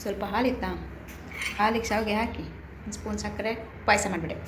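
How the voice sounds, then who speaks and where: A woman's voice: medium pitch, steady tone, fairly quick. A woman with a Malnad Kannada accent chatting casually to her viewers at home and coaxing her little son in playful baby talk. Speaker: vlogger. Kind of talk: casual home vlog chat. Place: home indoors. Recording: noisy home phone recording.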